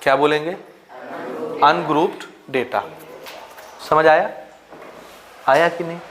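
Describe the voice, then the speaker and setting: A man's voice: fairly high pitch, fairly even intonation, takes it slowly, fairly bright tone, a little hiss or hum. A man teaching a maths class, counting numbers aloud and often checking whether the students follow. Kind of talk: classroom lecture.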